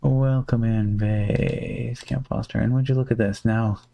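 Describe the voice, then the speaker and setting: While playing a card game on a live stream, a man keeps up casual chatter, humming and muttering to himself. He speaks in an unhurried, medium-pitched voice that is gravelly and relaxed.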